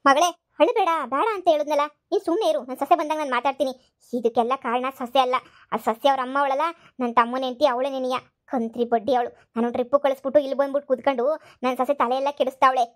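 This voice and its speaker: A woman's voice: high voice, fairly even intonation, very fast, natural voice. A woman voicing a stubborn older village mother-in-law who scolds and repeats herself. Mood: bossy. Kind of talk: cartoon voice acting.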